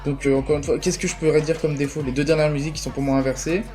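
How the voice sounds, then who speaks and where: A man's voice: fairly high pitch, flat delivery, rapid-fire, warm tone, faint music behind. A young man hosting a casual spoken album review, chatty and enthusiastic, with lots of "euh" fillers. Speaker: music reviewer, channel host.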